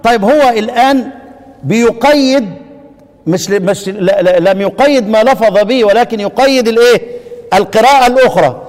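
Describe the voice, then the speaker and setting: A man with an Egyptian accent teaching Quranic readings, quizzing his listeners and stretching out syllables slowly as he repeats them. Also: high-pitched, darkish tone. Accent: Egyptian Arabic. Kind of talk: classroom lesson on Quranic readings. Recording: hall reverb.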